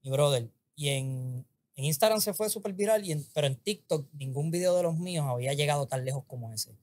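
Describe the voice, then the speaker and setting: A man's voice: on the high side, fairly quick, darkish tone. A man, a podcast guest, telling an emotional story and acting out his own inner voice.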